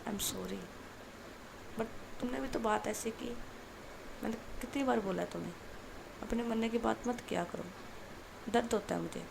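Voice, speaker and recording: Woman doing a young girlfriend begging sorry, soft hushed voice, kinda gravelly. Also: a little high, slow pace, long pauses, background noise. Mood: pleading. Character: young woman student, pleading apologetic girlfriend.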